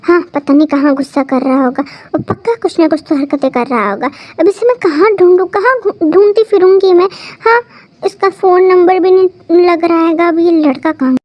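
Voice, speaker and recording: A woman's voice: very high-pitched, normal speed. A woman voicing a bossy young woman who scolds and grows exasperated. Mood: worried. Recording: dull lo-fi recording.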